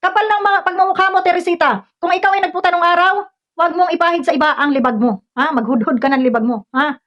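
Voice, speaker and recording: A woman's voice: very high voice, quick pace, fairly bright tone. A woman ranting at a commenter, scolding and confrontational, firing off rhetorical questions. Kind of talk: heated commentary rant. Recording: dull lo-fi recording.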